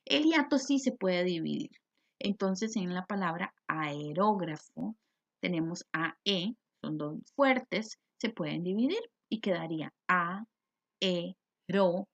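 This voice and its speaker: A woman's voice: on the low side, expressive, measured pace. A Costa Rican woman teaching a recorded grammar lesson, explaining step by step and asking and answering her own questions. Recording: dull lo-fi recording.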